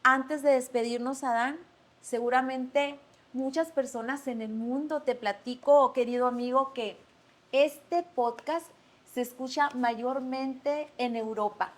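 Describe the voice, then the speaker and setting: A woman hosts a heartfelt podcast interview, speaking in with a soft, earnest warmth of manner. Her voice sits a little high for a woman. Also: fairly even intonation, slow pace. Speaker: podcast host. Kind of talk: gentle, empathetic interview.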